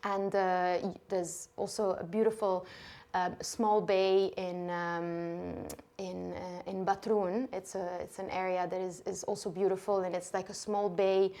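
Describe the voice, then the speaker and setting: A woman in her thirties from Lebanon talks as an interview guest. She speaks softly and often pauses on fillers and restarts. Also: lowish voice, little pitch movement. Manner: soft-spoken, many fillers and restarts. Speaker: guest, shoe designer. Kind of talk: relaxed interview conversation.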